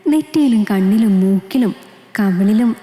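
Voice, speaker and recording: A woman's voice: mid-range voice, normal speed, warm tone, echoey room, in a large hall, natural voice. A woman voicing an affectionate, playful young man in a storybook romance. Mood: teasing.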